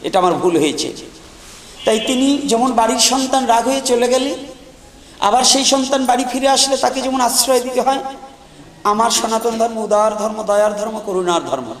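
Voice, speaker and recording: A man delivers a fervent sermon to a village crowd, his voice pitched fairly high. The sound is distant, with a long, echoing reverb from a loudspeaker. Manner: fervent, leads chanting of a mantra. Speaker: Vaishnava preacher leading a reconversion ceremony. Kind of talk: preaching address to a village gathering. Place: outdoor village gathering, mic passed around.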